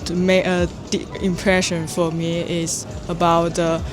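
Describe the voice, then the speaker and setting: A man's voice: fairly high pitch, completely flat delivery, a little slow, over music. A man from China with a Chinese accent, answering street interview questions in English, hesitant and searching for words with many fillers. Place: outdoors on a city street.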